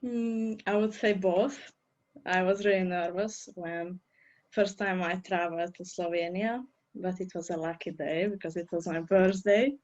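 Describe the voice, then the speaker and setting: A woman's voice: lowish voice, steady tone, a little slow, a little mellow, dull audio. A woman, a dancer, answering interview questions in careful, English. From Hungary. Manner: speaks careful non-native English.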